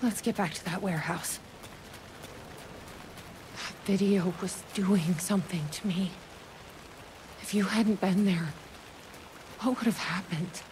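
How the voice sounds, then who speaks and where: Slow-paced woman investigator, determined and uneasy acted. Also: medium pitch, a little mellow, slight background noise, lightly acted. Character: determined woman investigator searching for her brother, uneasy but wry. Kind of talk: naturalistic video game acting.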